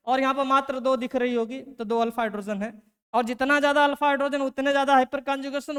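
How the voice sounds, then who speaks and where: A man's voice: very high voice, a bit bright, clear, resonant tone. A man teaching chemistry in a casual, folksy lecture, coaching students and stretching out key terms. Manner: folksy, drawn-out coaching, calls students "बालक"; slows to dictate terms word by word. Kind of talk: Hindi classroom lecture.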